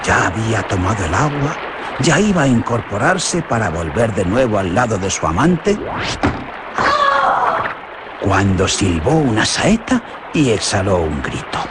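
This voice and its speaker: In an unhurried delivery full of big pitch swings, a man theatrically narrates a horror story for radio drama, captured on a noisy recording.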